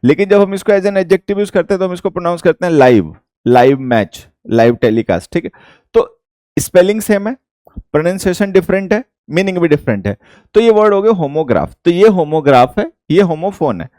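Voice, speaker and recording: An English teacher from India with an Indian accent, explaining a lesson slowly and repeating each point. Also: male voice, sits high, sing-song, darkish tone, dry recording, studio quality.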